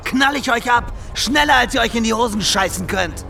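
A crude, threatening young gang boss in a radio crime play. He swears constantly and speaks in a high voice. Music plays beneath the scene. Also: moderate pace, creaky. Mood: menacing. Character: brutal young neo-Nazi gang leader, threatening.

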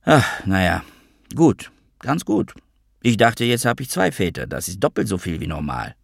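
A man reading an audiobook voices a sharp-tongued, bitter adult woman with a sarcastic, needling manner, pitching his voice up for her. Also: big pitch swings, normal speed, gravelly, dry recording, clean studio sound, exaggerated voice. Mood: mocking. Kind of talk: audiobook character voice.

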